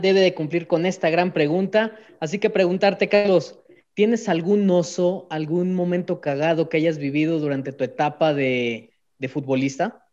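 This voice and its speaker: A man's voice: high voice, a little mellow. A man, a radio co-host asking playful, teasing questions. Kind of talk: radio interview hosting. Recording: dull lo-fi sound.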